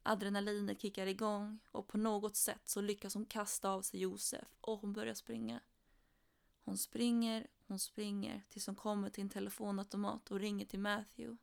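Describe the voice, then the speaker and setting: A woman narrating a true crime story in a steady, flat retelling. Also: medium pitch, creaky, few pauses.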